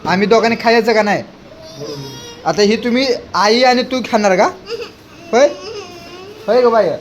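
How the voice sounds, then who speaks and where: A man's voice: high voice, measured pace, slight background noise. A man, a vlogger and father, teasing and mock-scolding in a casual family vlog.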